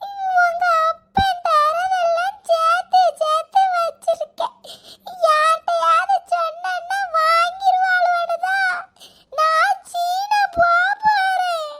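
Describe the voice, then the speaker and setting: A woman voicing a self-pitying mother who was left out of a trip, wailing slowly. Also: extremely high pitch, fairly even intonation, fairly bright tone, exaggerated voice. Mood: defiant. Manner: wailing, slow, dramatic.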